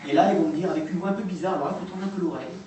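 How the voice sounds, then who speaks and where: A man's voice: high voice, mellow, a little hiss or hum. Man lecturing with many fillers in an echoey hall. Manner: halting, many fillers and restarts. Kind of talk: public talk playing recordings. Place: lecture room. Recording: echoey hall recorded from far off.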